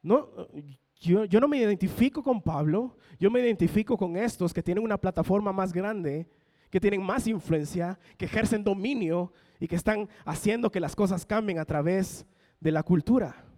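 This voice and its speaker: A man's voice: high-pitched, normal speed, darkish tone. A young man, preaching a sermon as a pastor, building emphasis and acting out the voices he quotes. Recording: long hall reverb from a church.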